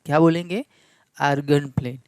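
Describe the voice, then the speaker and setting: A man's voice: a little high, fairly even intonation, a little mellow, clear, resonant tone, no room sound. A man teaching a math lecture, repeating key terms and asking the class questions to check they follow. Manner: slow, deliberate delivery. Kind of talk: classroom lecture in Hindi mixed with English terms.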